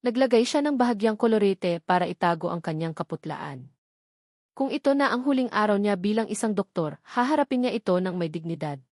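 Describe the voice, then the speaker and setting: Reading as the narrator of a dramatic, scripted love story, this Filipino-accented woman speaks at a medium pitch, her tone a touch mellow. The studio recording is clean and free of echo.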